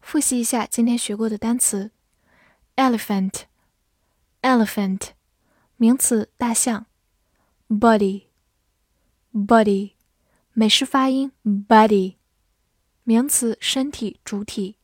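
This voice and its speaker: A woman teaching English vocabulary and grammar, reading example sentences slowly and carefully. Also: a little high, steady tone, dry recording, clean studio sound. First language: Chinese. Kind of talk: scripted English lesson.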